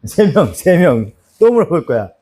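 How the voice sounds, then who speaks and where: Male pastor, small-church doctrine class, quizzes by name, animated pitch, dark mellow tone. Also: normal speed. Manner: repetitive, drills answers and calls on people by name. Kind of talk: church Bible lesson, quizzing listeners.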